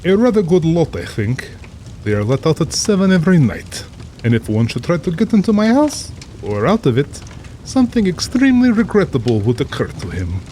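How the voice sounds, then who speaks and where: Pompous aristocratic general for audio drama: polished menace, highish mellow voice, very animated delivery. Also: male voice, a little fast, slight background noise, poor audio. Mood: genteel menace. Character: refined, menacing aristocratic general, genial host and hunter.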